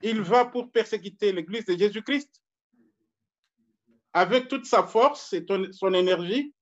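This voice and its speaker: A man from Congo, a pastor preaching a sermon slowly and deliberately, repeating his key phrases. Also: high voice, dull audio.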